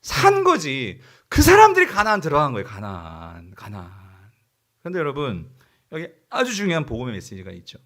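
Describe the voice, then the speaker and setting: A man's voice: fairly high pitch, huge pitch swings, fast, a bit bright. A male pastor delivering a dramatic Sunday sermon, full of rhetorical questions and emphatic repetition.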